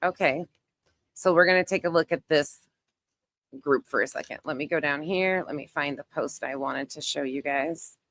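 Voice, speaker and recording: This woman, a YouTube creator and host, talks through her actions while browsing during a casual live online commentary. Her deep voice is a bit bright and moves at a moderate pace, and her phrasing is emphatic and repetitive. The recording is dry.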